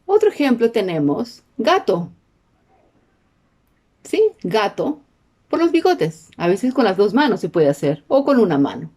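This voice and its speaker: A woman's voice: mid-range voice, big pitch swings, unhurried, long pauses, dark tone, husky. A woman teaching a class, explaining step by step and checking in with her listeners through frequent questions. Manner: peppers sentences with questions to the class. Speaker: sign language teacher.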